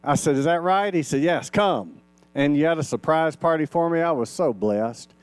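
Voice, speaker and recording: A man's voice: fairly high pitch, animated, normal speed, clean tone, no room sound. A man in his sixties preaching a sermon in a folksy, conversational way, telling personal stories and acting out the dialogue. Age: 60s. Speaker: minister. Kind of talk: storytelling sermon. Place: church sanctuary.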